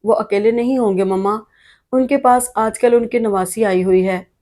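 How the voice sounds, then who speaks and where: A quiet, guarded young woman doctor who keeps her answers short and restrained, as a woman narrator voices her. Her voice is fairly high, with a soft, mellow tone. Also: fairly even intonation, normal speed, lightly acted.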